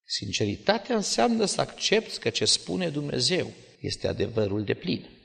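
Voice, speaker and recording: A male preacher giving a sermon in a church hall, in an animated storytelling style with dramatic swings. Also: mid-range voice, creaky. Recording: long church-hall reverb.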